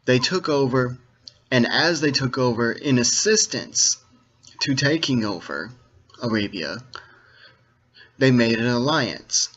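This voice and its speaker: A dull, lo-fi recording of a man with a mid-pitched voice talking straight to his viewers. He lectures informally, breaking his sentences into halting, deliberate phrases. Key words get firm stress, and he likes to make sure the point has landed. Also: expressive, a bit bright. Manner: didactic, checks that listeners follow. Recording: dull, lo-fi sound.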